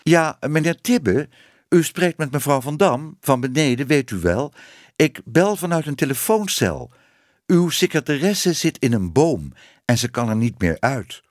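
A man voicing a polite, brisk older neighbor woman calling with news. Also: on the high side, big pitch swings, dry recording, studio quality, pitched above the performer's own voice. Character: polite neighbor lady on the phone.

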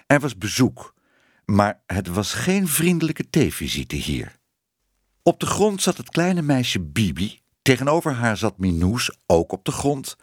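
A man reading a children's storybook aloud in an expressive, animated way. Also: medium pitch, breathy edge, dry recording, studio quality. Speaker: narrator.

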